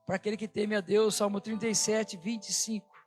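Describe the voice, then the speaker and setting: A pastor preaching a sermon with a personal testimony, impassioned and fervent. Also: male voice, high-pitched, brisk, faint music behind. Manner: impassioned, rising to excited retelling.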